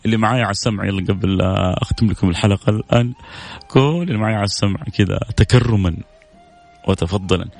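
A man hosting a radio advice show, talking in a playful, animated way. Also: lowish voice, creaky. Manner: animated, playful, acts out both sides of an argument. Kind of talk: casual advice talk.

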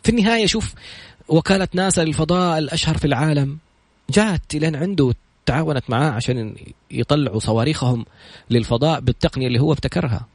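A man with a Saudi accent telling stories in a motivational talk, retelling what others said with quick, animated delivery. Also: on the high side, no room sound. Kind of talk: motivational storytelling monologue.

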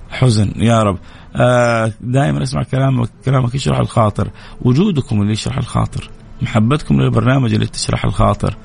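A man's voice: mid-range voice, vocal fry, slightly rough. A male radio host, chatting casually and greeting listeners one after another. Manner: warm greetings, quick lively delivery. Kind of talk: casual live radio chat, reading listener names.

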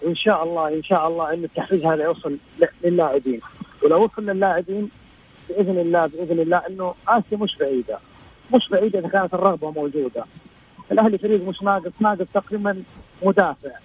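A man's voice: sits high, rapid-fire. Man on a phone line breaking up. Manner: earnest, repeats himself. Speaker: radio call-in caller. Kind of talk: casual call-in chat. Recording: husky, tinny phone line.

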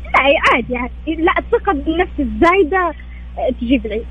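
High-voiced Saudi woman on a muffled phone line. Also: expressive, fast talker. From Saudi Arabia. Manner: friendly, laughs easily, brief replies. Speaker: radio show caller. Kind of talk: casual call-in chat.

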